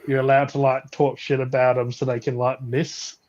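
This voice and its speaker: A man's voice: medium pitch, little pitch movement, moderate pace, darkish tone, dull audio. A man chatting casually about films on a live stream, rambling with frequent restarts and laughs. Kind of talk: casual chat.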